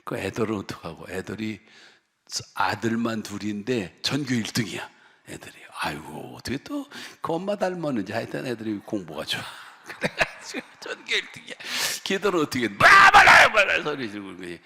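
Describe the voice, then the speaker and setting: A man preaching a revival sermon as pastor at a prayer retreat. He tells stories with drama, swings from shouts to hushed whispers, and calls out questions for the congregation to answer. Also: on the low side, big pitch swings, a little fast. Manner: call-and-response with the congregation. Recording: long hall reverb.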